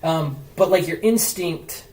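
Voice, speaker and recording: Speaking slowly in a fairly high voice, a man recorded at a distance spins a story as a podcast guest; he's a travel blogger. The loose, animated chat is full of "like" and swearing, with faint hiss and an echoey, off-mic sound.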